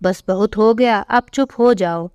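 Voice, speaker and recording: A woman voicing a gentle young father in a storybook tale, coaxing and sometimes stern with his daughter. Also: on the high side, takes it slowly, clean tone, dry recording. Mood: firm.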